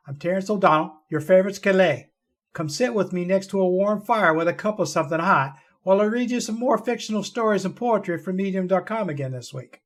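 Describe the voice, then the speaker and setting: A man with a voice pitched a little higher than most hosts a reading podcast. He delivers his words as a storyteller, presenting and reading short fiction aloud.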